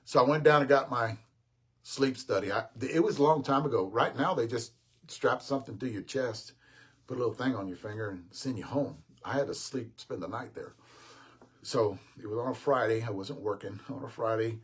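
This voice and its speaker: A man's voice: mid-range voice, moderate pace, slightly rough. An older man hosting a casual live stream, telling a long rambling story with restarts and talking to his viewers as guys. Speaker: host.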